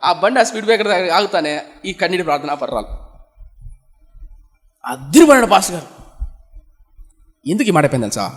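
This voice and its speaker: A man's voice: high-pitched, very animated, a little fast, long pauses, fairly bright tone, big-room sound. A man preaching a sermon, asking the congregation rhetorical questions and answering them himself in an emphatic, repetitive cadence.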